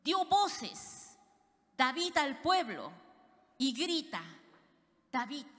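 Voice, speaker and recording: A woman's voice: high-pitched, animated, unhurried, pushed and bright. A woman pastor preaching a fervent sermon, speaking directly to her congregation. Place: church. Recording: reverberant church hall.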